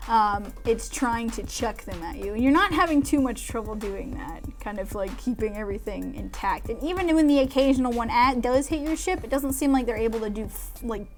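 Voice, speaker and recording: A woman's voice: a little high, animated, fairly quick, soft background music. A woman narrating a tabletop game as game master in a casual way, with fillers and laughs.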